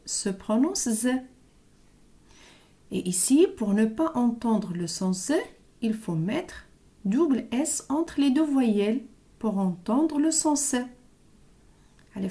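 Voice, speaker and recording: A woman teaching a reading lesson to young children, sounding out letters and syllables slowly and deliberately. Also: fairly high pitch, warm tone. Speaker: primary school teacher.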